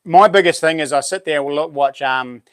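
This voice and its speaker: Man, broad Kiwi accent, matey slang, casual stream chat, smooth clear tone, dry close sound. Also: a little high, normal speed, no echo. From New Zealand. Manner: matey, laid-back slang. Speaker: live stream host. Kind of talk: casual chat with live viewers.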